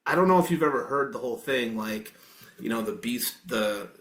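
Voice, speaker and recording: A man's voice: mid-range voice, expressive, normal speed, a bit bright, slight background noise. Rambling male podcast host in a roomy space. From Maine. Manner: rambling, frequent fillers and self-corrections. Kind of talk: casual interview chat. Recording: roomy echo.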